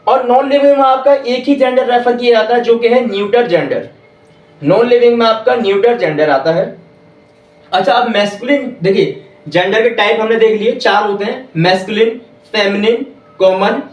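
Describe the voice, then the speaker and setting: A man teaching English grammar in a classroom, repeating each point slowly and quizzing the listeners. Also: sits high. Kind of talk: classroom lesson. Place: classroom with whiteboard. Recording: echoey room, voice from far off.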